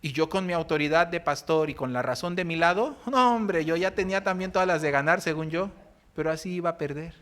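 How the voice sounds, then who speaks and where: A man with a Mexican Spanish accent preaching a sermon, telling stories and moving between loud outbursts and soft, low speech. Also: brisk. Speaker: pastor. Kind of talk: sermon with storytelling. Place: church.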